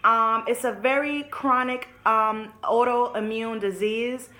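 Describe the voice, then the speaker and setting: A woman in her early twenties tells her story in a candid vlog, frank and casual, swearing freely and calling viewers "y'all." Her voice is on the high side, steady, slow and sharp.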